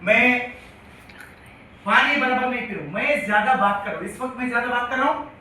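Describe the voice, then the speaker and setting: Bright high-pitched guy teaching a health class, keeps asking the crowd questions, recorded from far off in a big echoey room. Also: animated, fairly quick. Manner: repetitive, quizzes the audience. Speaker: health lecturer. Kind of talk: classroom-style lecture. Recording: echoey hall from far off, faint hiss.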